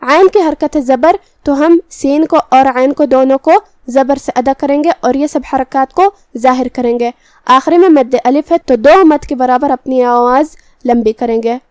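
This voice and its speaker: Patient female tajweed teacher with a high, smooth voice; careful, step-by-step instruction. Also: a little mellow, no room sound. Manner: patient, methodical, explains each letter rule. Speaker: Quran recitation teacher. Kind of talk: tajweed lesson with explanation.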